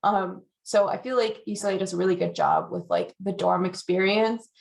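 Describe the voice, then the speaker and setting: A woman's voice: medium pitch, huge pitch swings, moderate pace, creaky, darkish tone. A young woman on an alumni panel, talking casually with lots of fillers. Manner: chatty, many fillers like "like".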